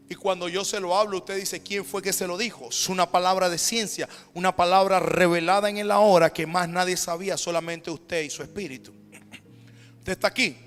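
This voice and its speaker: A high-pitched male pastor with a Panamanian Spanish accent delivers a sermon, swinging between ringing, emphatic declarations and hushed, quiet stretches. His voice carries a long church-hall reverb, with soft music playing underneath. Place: church sanctuary.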